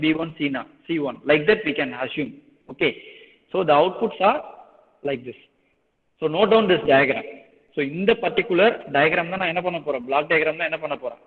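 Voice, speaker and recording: A man with a Tamil Nadu Indian accent, a native Tamil speaker, lecturing to a class in a repetitive, explanatory way with check-in questions. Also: on the high side. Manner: repetitive, explanatory, switching between Tamil and English. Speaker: engineering lecturer teaching an online class. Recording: thin phone-like line, long hollow reverb.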